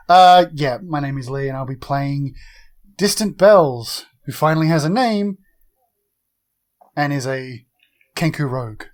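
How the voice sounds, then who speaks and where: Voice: medium pitch, slow pace, long pauses, darkish tone. An Australian podcast player with an Australian accent, chatting casually and bantering with friends.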